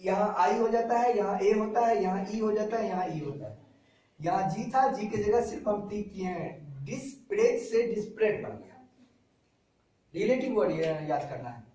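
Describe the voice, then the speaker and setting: A man with a high voice teaches a class, repeating every word and meaning and drilling his students with questions. He is recorded from a distance in a very echoey classroom. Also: lively intonation, moderate pace, mellow. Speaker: vocabulary teacher.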